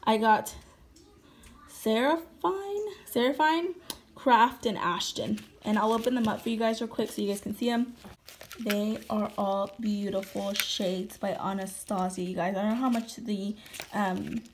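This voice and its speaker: A woman's voice: mid-range voice, a little slow, a little hiss or hum. A young woman in her twenties chatting casually to viewers about a shopping haul, full of fillers, recorded on a phone at home. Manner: chatty, filler-heavy, addresses viewers directly. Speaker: beauty vlogger. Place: home kitchen, indoors.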